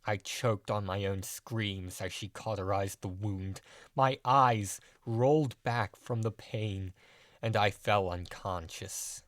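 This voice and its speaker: Low-voiced man narrating a dark story. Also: slow pace, no echo, clean studio sound. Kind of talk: dramatic audio story narration.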